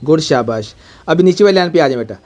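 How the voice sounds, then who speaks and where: A man with a Pakistani Urdu accent teaching a Quran reading lesson, patiently spelling out sounds slowly and often checking that the student follows. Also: on the high side, expressive, a little mellow. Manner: patient, repeats checks like "okay?", slow drawn-out spelling for the child to echo. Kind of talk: recorded online reading lesson.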